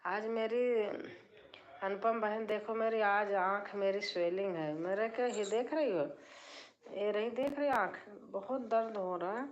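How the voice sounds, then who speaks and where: A woman's voice: medium pitch, measured pace, dull audio, a little hiss or hum. A middle-aged woman hosting a live stream from her drawing room, chatting casually with viewers and keeping her voice down. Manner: speaks softly, keeping her voice down. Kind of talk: casual live chat reading comments.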